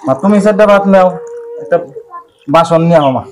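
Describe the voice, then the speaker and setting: A man's voice: high-pitched, a little fast, a crowd in the background, lightly acted. A man playing a poor widowed laborer father who laments his hardship aloud. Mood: lamenting. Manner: lamenting, pleading to God. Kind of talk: amateur village drama acting.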